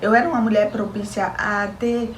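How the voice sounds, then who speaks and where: A young Brazilian new mother tells her personal story to viewers, earnest and emotional, with a Brazilian Portuguese accent. Her medium-pitched voice stays level at a moderate pace. The sound is roomy, with a little hiss or hum.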